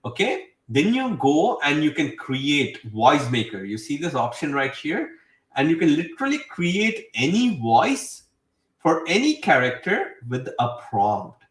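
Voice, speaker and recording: A man hosts a casual screen-share tutorial, demonstrating software with enthusiastic, rambling talk full of fillers. His high voice swoops wildly, a bit bright and a little slow. He sits far from the mic, so the sound is roomy.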